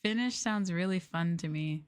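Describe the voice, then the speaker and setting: A young Canadian woman, a VTuber streamer, rambles and giggles through a casual late-night chat stream, filling her speech with "like" and "um" and often poking fun at herself. Her voice is smooth and lowish, at a normal speed.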